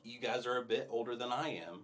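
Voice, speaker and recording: A man's voice: medium pitch, little pitch movement, quick pace, fairly bright tone, a little hiss or hum. A man hosting a casual interview who asks friendly, encouraging questions and often restarts his sentences. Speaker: interviewer, host.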